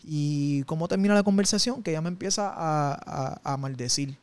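Man, interview guest, emotional testimony, slightly high and dry-sounding. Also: a little fast, clean tone, dry recording. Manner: intense, emotional storytelling with street slang. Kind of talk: personal testimony in conversation.

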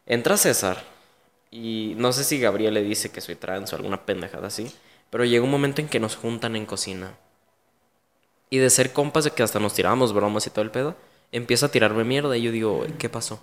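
A man's voice: on the low side, brisk, long reverb tail. A young man with a Mexican Spanish accent, a guest in an interview, telling his own story bluntly and emotionally, full of slang.

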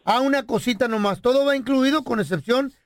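This man hosts a radio prank show in a high, bright-edged voice with a dry, close sound. He moves from courteous sales talk to quick, slangy joking with his co-hosts. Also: no echo. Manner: polite salesman patter, then slangy joking. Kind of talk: radio prank call and studio banter.

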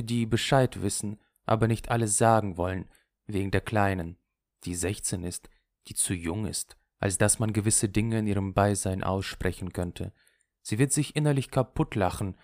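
A male reader voicing a restless, tearful young woman in an audiobook, raising his voice and pitch for her. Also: a little mellow, no echo, clean studio sound, close to an everyday voice. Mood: bitter. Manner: raised, emotional voice for a female character. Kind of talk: audiobook character voice.

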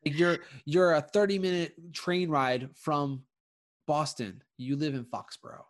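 A Connecticut man in his thirties chats casually in a slightly high, steady voice at an unhurried pace. He rambles, using many fillers and restarting sentences.

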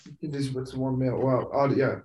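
A man's voice: medium pitch, steady tone, a little fast, darkish tone, muffled recording. A man co-hosting a podcast, chatting casually in a laid-back, rambling way and swearing now and then. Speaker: podcast co-host. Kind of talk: casual chat. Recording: roomy echo.

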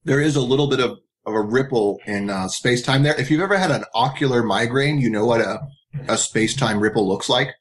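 A man's voice: mid-range voice, a little fast. A man on a podcast panel, chatting casually and telling playful, jokey stories.

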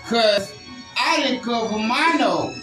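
A man's voice: very high voice, animated, takes it slowly, recorded from a distance. A man hosting a podcast, telling crude joking stories in casual chat and checking in with "you know what I mean?". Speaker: podcast host. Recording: roomy echo with music behind.

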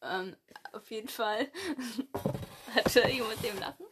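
A woman's voice: on the high side, normal speed, background noise. A woman co-hosting a podcast in casual chat, giggly as she reads out notes playfully. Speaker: podcast co-host.

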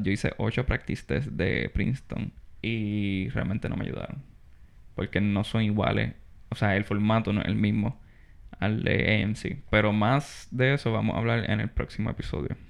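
A man's voice: medium pitch, creaky. A young man, hosting a casual advice podcast and often restarting his words. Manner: restarts words, mixes in English terms. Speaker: podcast host.

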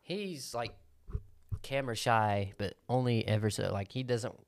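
A man's voice: medium pitch, measured pace, smooth. A man with a rural American hillbilly accent hosting a casual podcast, joking and swearing freely as he chats. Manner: crude, joking, sweary banter. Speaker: podcast host. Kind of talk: casual chat.

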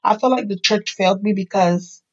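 A middle-aged woman telling her life story in a candid, animated conversation, acting out the people she quotes. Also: medium pitch, moderate pace, muffled recording. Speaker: podcast host sharing her life story.

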